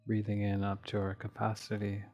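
Here a man with a fairly low pitch acts as a meditation teacher, guiding listeners calmly through short, carefully measured phrases and long pauses.

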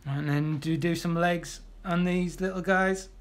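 A man with a fairly high voice guides a live painting class, encouraging the viewers as he works. He talks in a loose, chatty way, full of ums and restarts while his brush moves. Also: fairly even intonation, a little slow, smooth. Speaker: illustrator teaching a live art class. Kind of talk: casual live draw-along class.

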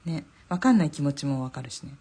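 A woman's voice: low-pitched, animated, fast, dark tone, breathy edge. A middle-aged woman from Japan, a drawing teacher hosting a live stream, chatting casually while she draws, laughing often and reading out viewer comments. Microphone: phone or camera mic on a live stream.

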